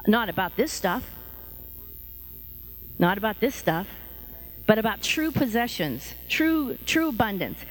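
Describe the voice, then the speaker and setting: A woman's voice: a little slow, long pauses, low-quality recording. A woman preaching a sermon in a conversational style, acting out the voices of the people she quotes and often repeating and restarting her phrases. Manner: lively, acts out quoted voices with big pitch jumps.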